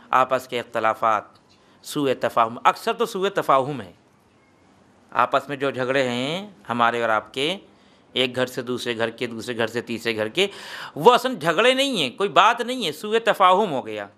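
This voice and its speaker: A man with an Indian Urdu accent delivering a religious lecture in a hall, rhetorical, climbing to emphatic peaks and then dropping low. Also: sharp tone. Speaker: Shia cleric giving a majlis lecture.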